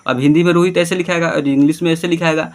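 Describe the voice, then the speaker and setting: A man's voice: on the high side, fairly even intonation, rapid-fire. A male teacher giving an online spelling lesson, patiently spelling names out letter by letter and often checking that the children follow. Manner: often says "okay" and checks understanding.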